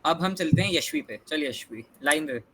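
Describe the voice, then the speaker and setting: A man's voice: fairly high pitch, wildly swooping pitch, moderate pace, gravelly, fairly bright tone, breathy edge. A young man hosting an online workshop over a video call, chatting casually in Hindi and English and teasing participants to speak up. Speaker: workshop host.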